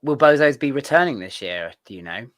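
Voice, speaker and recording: A man's voice: medium pitch, lively intonation, brisk, fairly bright tone, no echo. A man hosting a casual studio interview, talking in a rambling, earnest way. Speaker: podcast host.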